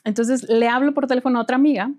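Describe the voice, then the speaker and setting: A woman, a spiritual healer guest in an interview, telling stories lively and acting out the dialogue. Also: fairly high pitch, very fast. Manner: lively, acts out dialogue in quoted voices, laughs often. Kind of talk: storytelling in an interview.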